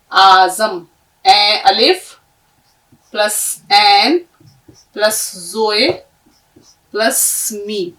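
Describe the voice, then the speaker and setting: A woman teaching script, spelling out words letter by letter in a patient, slow way. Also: a little high, a bit bright, recorded from a distance. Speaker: Urdu teacher. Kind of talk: spelling lesson, writing on screen.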